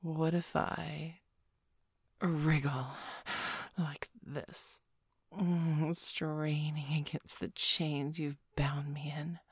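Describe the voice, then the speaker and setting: Woman voicing a low breathy chained seductress. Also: little pitch movement, extremely slow, no room sound, clean studio sound, full character voice. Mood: seductive. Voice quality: breathy whispering. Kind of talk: erotic audio roleplay.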